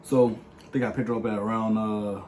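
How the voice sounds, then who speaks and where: A young man casually telling the story of how he met his partner, in a playful, slangy, animated way. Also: lowish voice, a little fast, a little hiss or hum. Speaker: vlog co-host.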